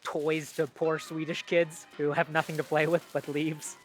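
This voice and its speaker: A man's voice: fairly high pitch, flat delivery, moderate pace, loud music behind the voice. A man hosting a casual travel vlog outdoors in a park, playful and joking, laughing often. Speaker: vlogger host.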